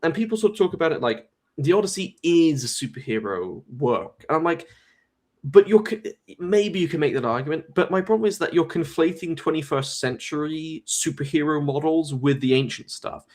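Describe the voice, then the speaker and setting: A man's voice: a little high, animated, normal speed, darkish tone. A young man hosting a casual live-stream discussion, talking in a rambling way with many fillers and restarts. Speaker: host.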